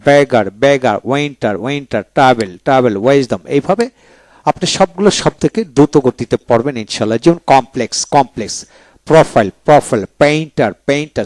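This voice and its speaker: A man teaching a pronunciation lesson, reading each English word twice in a slow, repetitive drill. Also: mid-range voice, no echo.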